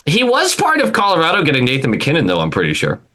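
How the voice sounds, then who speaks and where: A man co-hosting a casual podcast chat, his pitch swinging up and down as he talks. His voice is bright and forward, and he laughs easily and trips over restarts along the way. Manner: animated, laughs often, talks in quick restarts. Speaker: podcast co-host.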